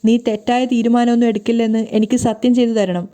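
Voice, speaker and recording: A woman voicing a sorrowful middle-aged father who talks slowly, solemnly and carefully. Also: fairly high pitch, little pitch movement, warm tone, lightly acted.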